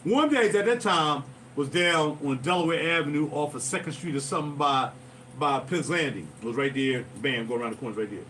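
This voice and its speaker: A musician hosting a livestream rambles through stories to his viewers, addressing them directly while drifting off topic and losing his thread. His voice sits on the high side with a fairly bright tone and a slightly quick pace. The mic is distant, with music playing behind him and slight background noise.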